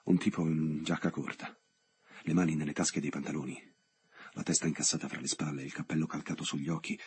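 Deep husky guy reading a novel out loud, slow and dramatic with lots of pauses. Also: flat delivery. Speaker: audiobook reader. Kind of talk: scripted literary narration.

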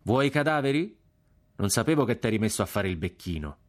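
A man's voice: fairly low pitch, very animated, a little fast, pitched above the performer's own voice. A man doing an ironic partisan officer. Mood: sardonic. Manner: dry, offhand irony.

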